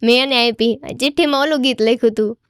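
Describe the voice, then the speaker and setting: A young woman folk singer tells stories in a relaxed podcast chat, lively and repeating herself for emphasis. Her voice sits a little high and sounds clear and smooth. The studio mic gives a close, dry sound. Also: quick pace, no echo. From Gujarat. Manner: chatty, animated, repeats phrases for emphasis. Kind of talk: casual storytelling interview.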